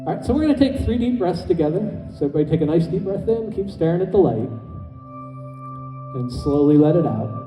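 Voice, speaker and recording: A man speaking as a stage hypnotist, slowly and soothingly guiding volunteers through a relaxation induction. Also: a little high, sing-song. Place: stage in a hall with an audience. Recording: echoey hall, far from mic, music behind. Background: soft background music.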